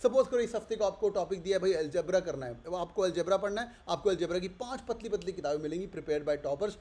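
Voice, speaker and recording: A young adult man who teaches an exam course and is pitching it with energy, switching quickly between languages and voicing his students' questions. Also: lively intonation, dark tone. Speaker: CAT coaching teacher.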